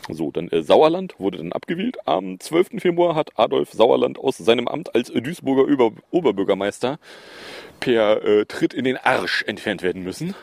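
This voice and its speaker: A man's voice: mid-range voice, expressive, moderate pace, gravelly, a little mellow, no echo. A man hosting a podcast, running through recent news in a casual, sarcastic way with lots of fillers and asides. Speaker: podcast host. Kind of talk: casual news review chat.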